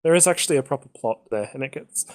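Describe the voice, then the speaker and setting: A man's voice: medium pitch, expressive, quick pace. A man co-hosting a casual gaming podcast, rambling with lots of ums and the odd swear. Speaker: podcast co-host.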